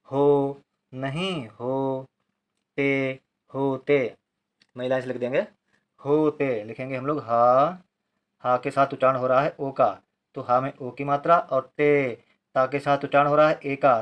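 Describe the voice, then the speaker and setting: A man gives a patient handwriting lesson, breaking every word into syllables and saying each one slowly, more than once. He often asks why, then answers it himself in a calm, even teaching voice. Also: medium pitch. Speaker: Hindi writing teacher.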